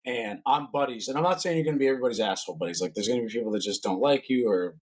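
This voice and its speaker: A man guesting on a podcast, rattling off loose, slangy stories at a quick clip. His voice has a husky edge. He sounds like a personal trainer chatting casually. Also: medium pitch. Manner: fast, loose, slangy storytelling.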